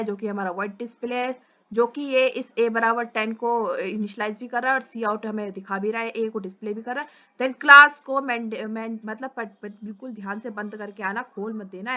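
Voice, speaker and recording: Brisk, bright-voiced woman teacher. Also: fairly high pitch. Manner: brisk, reassuring, mixes English terms into Hindi. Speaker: programming teacher. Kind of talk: casual classroom lecture. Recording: dull lo-fi recording.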